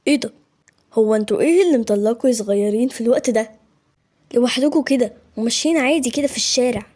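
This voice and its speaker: A woman's voice: a little high, very fast, darkish tone, voice pushed down, natural voice. A woman with an Egyptian accent voicing a kind adult male doctor in a spoken story. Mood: matter-of-fact.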